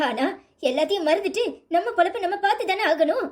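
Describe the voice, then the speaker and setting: A woman's voice: extremely high pitch, animated, quick pace. A woman voicing a hurt but firm young woman student in a cartoon, exasperated, with a Tirunelveli Tamil accent.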